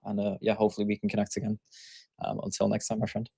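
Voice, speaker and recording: This man from Yorkshire, England, has a fairly low, gravelly, slightly rough voice with a dark tone, and he speaks fast in a monotone with no echo. As a trading coach and stream host, he thinks aloud while explaining charts live.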